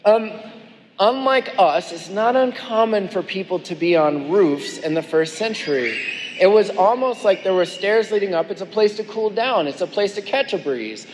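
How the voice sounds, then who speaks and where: A man's voice: high-pitched, moderate pace. Man preaching casually in a reverberant church. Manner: relaxed, restarts and repeats words. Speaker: lead pastor. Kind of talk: conversational sermon with scripture reading. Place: church sanctuary. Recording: reverberant church hall, faint background noise.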